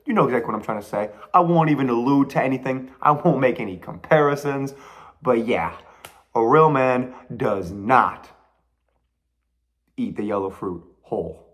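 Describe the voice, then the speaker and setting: A young man talks straight into his own podcast, blunt and profane, full of slang and repeated punchlines. His pitch leaps up and drops back down constantly, which keeps the rant lively. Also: a little fast. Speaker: podcast host. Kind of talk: casual solo podcast rant.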